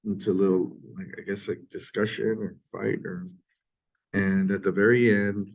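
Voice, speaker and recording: Hoarse from a sore throat, his voice giving out, a low-pitched man delivers a casual literature lecture in a level tone, stopping and starting and repeatedly clearing his throat. The audio quality is poor.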